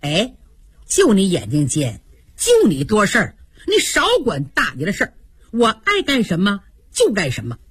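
A woman's voice: mid-range voice, huge pitch swings, normal speed, fairly bright tone, husky, no echo, clean studio sound, heavily acted. A woman voicing a fickle, hot-tempered young nobleman who blusters and bullies in a storytelling broadcast. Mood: blustering. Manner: blustering, wheedling then bullying.

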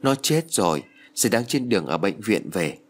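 A man's voice: on the low side, sing-song, normal speed. A man voicing a grieving old grandfather who speaks heavily. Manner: sorrowful, heavy.

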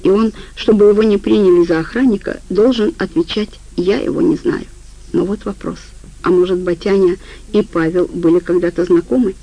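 A woman narrating a detective audiobook in an even, measured manner. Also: mid-range voice, low-quality recording. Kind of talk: scripted narration.

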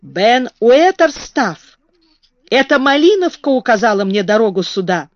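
A woman's voice: fairly high pitch, animated, moderate pace, fairly bright tone, muffled recording. Woman doing a stubborn young girl.

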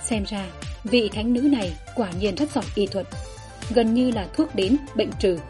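A woman narrating a historical fantasy audiobook in a steady, even storytelling manner. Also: mid-range voice, normal speed, faint music behind.

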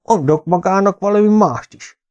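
A man voicing a gruff, domineering older farmer who growls and scolds in an audiobook. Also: sits high, darkish tone, highs cut off, pitched above the performer's own voice, lightly acted. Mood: grudging praise. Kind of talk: audiobook character voice.

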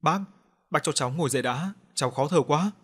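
A man's voice: medium pitch, brisk, fairly bright tone, close to an everyday voice. A man voicing a frightened young gambler who stammers and begs for mercy in an audiobook. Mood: pleading. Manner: stammering, begging.

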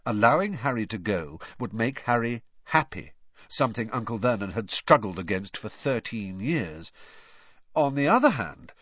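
A man's voice: fairly low pitch, very animated, moderate pace, a bit bright, no room sound. A man reading an audiobook in scripted narration, telling the story expressively, in a dull, dry recording.

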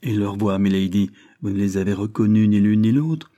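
Officier de police insistant, lu par un homme. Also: male voice, on the low side, moderate pace, mellow, dry recording, muffled recording, close to an everyday voice. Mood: insistent. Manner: insistent, probing. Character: insistent male police officer questioning a witness.

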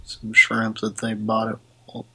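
A man's voice: on the low side, completely flat delivery, a little slow, pushed and bright, slightly rough, rough recording. A man hosting a prank call stream, chatting casually in a laid-back, wry way. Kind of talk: casual livestream chat.

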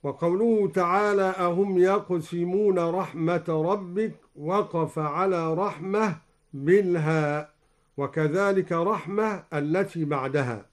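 High-voiced man slowly chanting verses. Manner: measured, chants quoted verses in slow recitation. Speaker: Quran recitation teacher. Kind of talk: formal explanation of recitation variants. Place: radio studio.

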